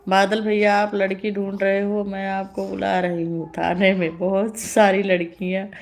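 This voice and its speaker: A woman's voice: medium pitch, little pitch movement, measured pace, a little mellow. A woman hosting a casual live stream, greeting viewers and teasing them with frequent laughter. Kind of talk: casual live-stream chat reading comments.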